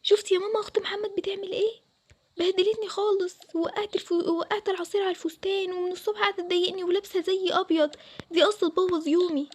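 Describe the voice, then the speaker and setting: A woman's voice: high voice, fairly even intonation, rapid-fire, a little mellow. A woman voicing a young bride who is upset and complaining, in an Egyptian accent. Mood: tearful. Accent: Egyptian Arabic. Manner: complaining, pleading. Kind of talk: Toca Boca roleplay voiceover.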